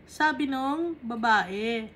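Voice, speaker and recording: A woman's voice: fairly high pitch, animated, drawn-out words, fairly bright tone, a little hiss or hum. A woman teaching a Bible study. She reads verses aloud and then explains them patiently, step by step, checking in with short tag questions. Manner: mixes English Bible reading with Tagalog explanation.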